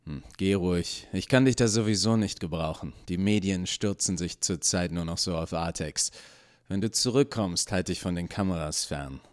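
A man's voice: sits low, moderate pace, dry recording, clean studio sound, natural voice. A man reading as an irritated male police detective with a sarcastic, impatient manner.

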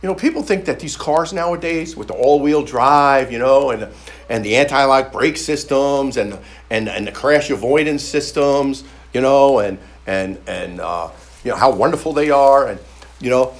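A man's voice: medium pitch, normal speed. A man preaching through a personal story, repeating phrases for emphasis and stumbling over restarts. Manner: frequent stammered restarts. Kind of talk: storytelling sermon.

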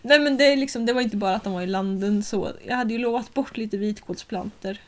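A woman in her thirties chatting casually as a podcast co-host, animated, laughing often and swearing freely. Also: medium pitch. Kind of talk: casual chat.

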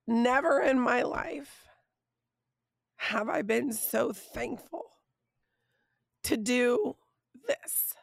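Hoarse, raspy woman preaching slowly. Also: a little high, no room sound, clean studio sound. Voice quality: hoarse, raspy, breaking into whisper. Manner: emphatic, halting, with repeated phrases and drawn-out pauses. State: hoarse, voice nearly gone. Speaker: podcast host and preacher. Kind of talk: heartfelt faith monologue to listeners.

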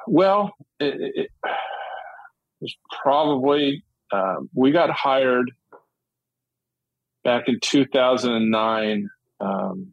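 A middle-aged man talks through his past deals as an interview guest, looping back and restarting his sentences often. His voice is husky and sits at an ordinary pitch for a man. The sound is dry and close, with no room around it. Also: no echo, low-quality recording. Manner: rambling, with many restarts and fillers. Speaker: guest, commercial real estate dealmaker. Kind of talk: casual interview storytelling.

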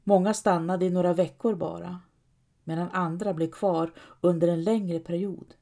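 A woman calmly reading a scripted historical story as its narrator. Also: on the low side. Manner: calm, measured reading.

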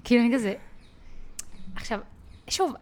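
A woman's voice: fairly high pitch, expressive, darkish tone. A woman guest on a podcast, telling a personal story in a chatty way with many fillers and restarts. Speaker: podcast guest, content creator.

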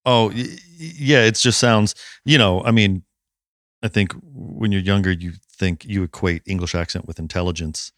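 American podcast host guy, lowish voice, joking about himself, dry mic. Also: moderate pace, a bit bright, dry recording. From United States. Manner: self-deprecating, laughs easily, swears casually. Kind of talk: casual podcast interview.

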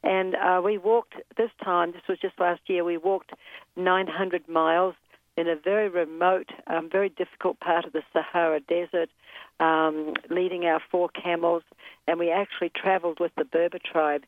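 A woman's voice: fairly low pitch, little pitch movement, no room sound. New woman on a tinny phone line. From New Zealand. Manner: measured, with frequent ums and uhs. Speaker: guest. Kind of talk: interview storytelling.

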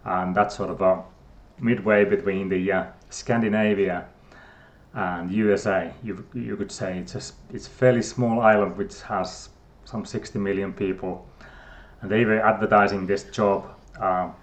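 A middle-aged man from Finland, a guest scientist, talks at a normal speed with a lowish voice and steady tone. His Finnish-accented speech in this casual interview is hesitant, with many fillers and restarts.

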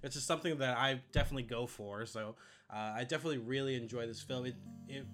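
A podcast co-host in his thirties chats casually about films during a countdown, joking, laughing often, and swearing now and then. He speaks fast in a medium-pitched, somewhat bright voice over soft background music.

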